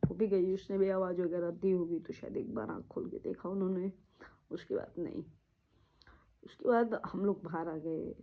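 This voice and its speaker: A woman telling a personal story in a halting, repetitive way, often trailing off, with a grieving tone. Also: lowish voice, fairly even intonation. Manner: emotional, grieving tone. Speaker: vlogger. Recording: tinny phone-like audio.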